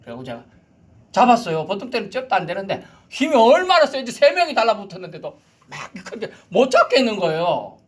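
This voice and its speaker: A man in his forties preaches a Sunday sermon in a bright, fairly high voice that swings widely in pitch. He shouts commands at full force, then falls back to soft, hushed asides. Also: wildly swooping pitch, brisk. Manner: dramatic, shouts commands and drops to near-whispers. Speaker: pastor.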